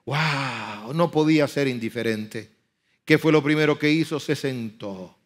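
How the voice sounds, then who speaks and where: A male pastor delivers a sermon at an unhurried pace, swinging from soft murmurs to loud, high outbursts. He acts out biblical speech with dramatic emphasis.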